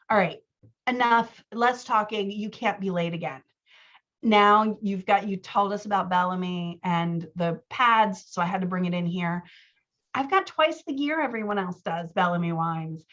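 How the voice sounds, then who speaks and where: A woman with a mid-range voice talks casually as a book coach, giving a writer feedback on their scenes. She's animated and conversational, acting out bits of the scene dialogue. The audio is slightly dull and lo-fi.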